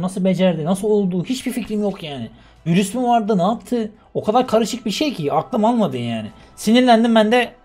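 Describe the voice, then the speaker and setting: A young man with a high voice talks loosely and directly to his viewers, like friends, winding through a long story before showing his game settings. Faint music sits under his casual gamer chat. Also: a little mellow. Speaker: gaming YouTuber. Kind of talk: casual let's-play chat.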